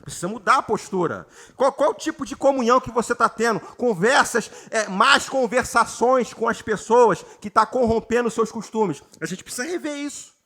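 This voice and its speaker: A man from Brazil, a pastor preaching a sermon, reading scripture slowly and often calling out to the congregation with rising emphasis. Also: extremely high pitch, lively intonation, a bit bright. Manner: reads scripture slowly and has the congregation repeat words. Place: church retreat gathering.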